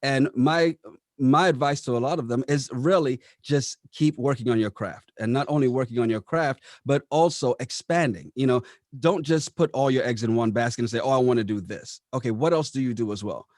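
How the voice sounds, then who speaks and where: Being interviewed, a radio operations manager answers conversationally, explaining things and often posing rhetorical questions along the way. His voice is medium-pitched, a little fast and a little mellow, recorded with clean studio sound and no echo.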